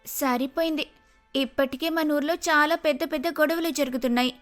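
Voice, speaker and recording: A man's voice: very high voice, fairly even intonation, fairly quick, fairly bright tone, soft background music, voice pushed up. A man voicing a worried young village woman in a cartoon story. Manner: worried, pleading.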